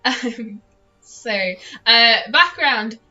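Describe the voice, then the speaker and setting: A woman's voice: fairly high pitch, lively intonation, extremely slow, bright, forceful tone, lo-fi sound, soft background music. A woman acting as game master, narrating a tabletop role-playing game in a casual, playful, informal way.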